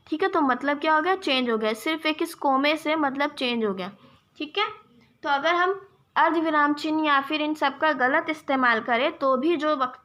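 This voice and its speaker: High bright-voiced woman teacher. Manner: frequent "theek hai" check-ins, addresses viewers as friends. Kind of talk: explaining a lesson to students.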